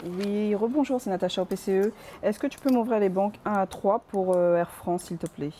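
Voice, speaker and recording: A woman's voice: mid-range voice, normal speed. A woman working as an operations coordinator, explaining her job in practical work talk. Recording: faint office background noise.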